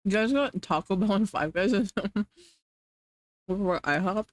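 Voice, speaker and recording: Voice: mid-range voice, expressive, moderate pace, no room sound. Chatty streamer, dry close sound. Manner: rambling, hedging with many "like"s, reading chat aloud. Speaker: livestreamer. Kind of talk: casual stream chat while eating.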